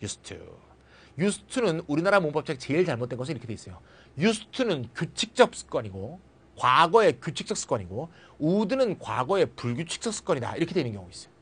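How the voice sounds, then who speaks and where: A man's voice: fairly high pitch, a little fast, slightly rough. A middle-aged man giving a recorded grammar lecture who checks with his students and acts out short everyday lines. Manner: lively, switches between formal and casual speech, often asks students to confirm.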